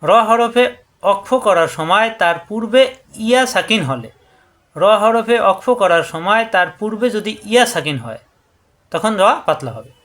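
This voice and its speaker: A man teaching Quran reading rules. He explains step by step, and he drills syllables slowly and over again. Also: high voice, lively intonation, a bit bright. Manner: slow, repetitive drilling of syllables. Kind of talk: tajweed lesson.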